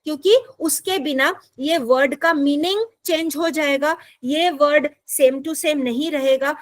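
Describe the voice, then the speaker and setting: High-voiced, slow teacher woman. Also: no echo. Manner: patient, explains step by step with checking questions. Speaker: online English teacher. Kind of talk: explaining a lesson, mixing Hindi and English. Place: online video class. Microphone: computer mic in an online class.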